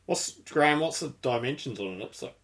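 A man's voice: mid-range voice, lively intonation, brisk, fairly bright tone. A man chatting casually as host, rambling through technical details and swearing now and then. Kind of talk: casual chat.

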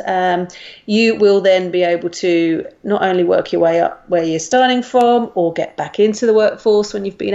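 A woman's voice: mid-range voice, darkish tone, dull audio. A woman with an Australian accent, a career coach giving advice in a podcast chat, talking in a chatty way with many ums and restarts. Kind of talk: podcast conversation.

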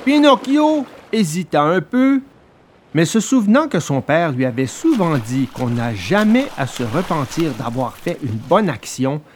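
A man narrating a children's story in an expressive, dramatic storytelling manner. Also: on the high side, a little slow, slight background noise.

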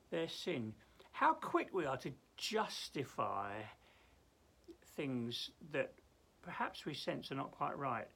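A man preaching informally in a loft, teaching from the Bible in a halting, exclamatory way and repeating himself as he goes. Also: fairly high pitch, gravelly, sharp tone, breathy edge.

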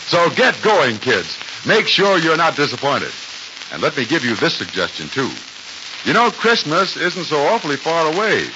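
On an old, lo-fi radio broadcast recording with a noisy background, a male announcer eagerly pitches to children in 1940s style.

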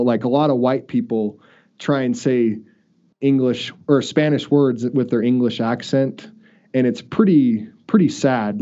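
A man hosts a relaxed podcast chat and talks in a loose, rambling way, often restarting his sentences. His voice is mellow and dark. The audio is dull and lo-fi. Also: medium pitch. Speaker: podcast host.

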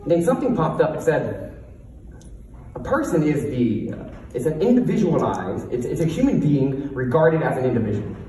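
A man speaks from far off in a very echoey hall with faint noise behind him. He delivers a confident motivational stage talk in a higher-pitched voice, full of emphasis and rhetorical questions. He has a lisp and says his R's like W's. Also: sing-song, moderate pace, mellow. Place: stage in a large echoing room before an audience.

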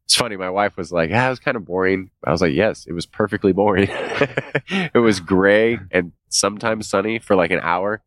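This man talks fairly quickly in a low voice during a casual podcast chat, his nose audibly stuffed up from a cold. He rambles easily, laughs often, and swears without a second thought. No echo is present.

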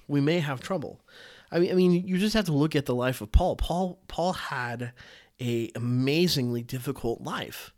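Male podcast host, mid-pitched, earnest, halting delivery with frequent restarts. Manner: earnest, halting, with many restarts and repeated words. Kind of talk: casual faith podcast talk.

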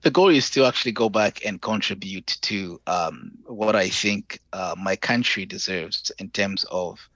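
Low-voiced Zambian man on a dull call. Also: a bit bright, dry recording. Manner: earnest, measured, hesitant with fillers. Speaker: podcast guest. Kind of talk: remote interview over video call. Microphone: video call.

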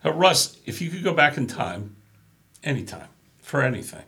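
A man's voice: medium pitch, big pitch swings, normal speed, gravelly, bright, forceful tone. A man co-hosting a casual interview, asking questions and bantering. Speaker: co-host.

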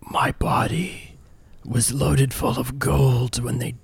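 A man voicing a sly, scheming male ghost who was hanged, speaking in a raspy whisper. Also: mid-range voice, little pitch movement, no echo, full character voice. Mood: sinister. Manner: breathy, drawn-out whispering.

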